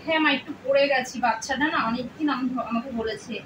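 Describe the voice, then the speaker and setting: A young woman plays a gentle, mistreated stepdaughter who pleads softly in a high voice at a quick pace. She sounds distant in an echoing room with noise in the background. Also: close to an everyday voice. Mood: pleading. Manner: soft, pleading. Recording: roomy room, mic far off, clear background noise.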